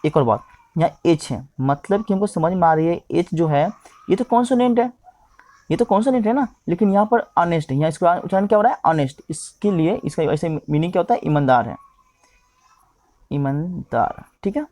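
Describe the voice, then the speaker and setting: A man teaching English grammar, who keeps pausing to ask himself questions and checking in with his listeners. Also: sits high, expressive, dark tone. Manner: repeats "okay" and asks himself questions.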